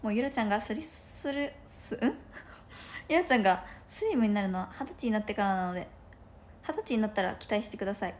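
A woman's voice: medium pitch, quick pace, slight background noise. A young woman chatting casually on a livestream from her room, rambling and giggling with many fillers. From Japan. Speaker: idol livestreamer. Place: room at home with no curtains.

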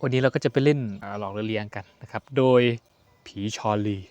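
A man's voice: lowish voice, a little fast, darkish tone, clear, resonant tone, no echo. A man hosting a horror game let's play, chatting jokily and yelping and swearing when startled.

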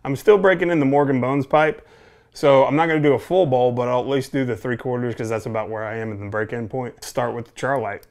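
A man in his thirties talks to camera in a small home office. His voice sits at an average pitch. He delivers a casual product review off the cuff, musing and rephrasing as he goes. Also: steady tone, brisk, a little mellow. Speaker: pipe tobacco reviewer.

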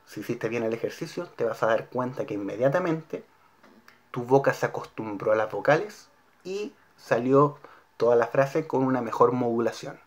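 A Chilean man records a singing lesson for his pupils. His voice sits at a middle pitch, and he explains each exercise calmly and clearly, step by step. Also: moderate pace. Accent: Chilean Spanish. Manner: calm, clear instructional delivery with demonstrated vowels. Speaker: school music teacher.

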